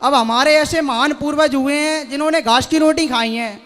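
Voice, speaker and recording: A man's voice: very high voice, fairly even intonation, moderate pace, fairly bright tone. A young man in an audience, asking a spiritual teacher long, earnest and deferential questions. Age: young adult. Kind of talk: devotional question and answer.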